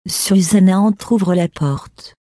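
Woman reading out a play and its stage directions, slow, dry close sound. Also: medium pitch, mellow, dry recording. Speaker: reader.

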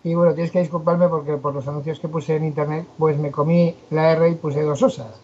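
A man's voice: a little high, level tone, fairly quick, darkish tone, a little hiss or hum. A man hosting a casual radio chat, blunt and irritated, swearing as he rants. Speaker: radio host. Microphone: computer setup with background noise. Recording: dull lo-fi sound.

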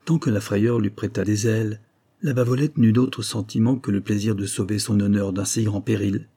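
A man narrating a classic novel as an audiobook, reading in a measured, steady way. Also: lowish voice, husky.

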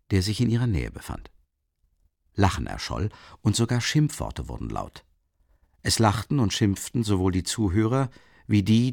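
A man reading a classic novel aloud as audiobook narrator, measured and even. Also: lowish voice, creaky, no room sound, clean studio sound. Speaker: audiobook reader. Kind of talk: scripted narration.

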